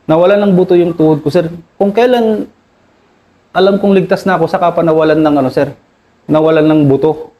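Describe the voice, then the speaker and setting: A Filipino army officer with a Filipino accent, recounting combat in an interview, deferential and halting, adding "sir" to nearly every phrase. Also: male voice, on the high side, muffled recording. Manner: deferential, says "sir" constantly, halting with many fillers. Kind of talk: interview storytelling.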